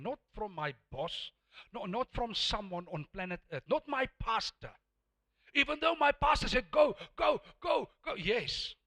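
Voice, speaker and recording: A man whose first language is Afrikaans preaches a sermon in a South African accent, forceful and repetitive for effect, moving between hushed tones and loud ones. His voice sits high.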